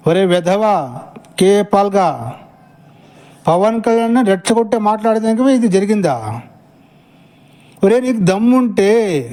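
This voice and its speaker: A man's voice: sits high, mellow, poor audio. A man giving an angry reaction commentary to clips, scornful and insulting, mocking the person he answers.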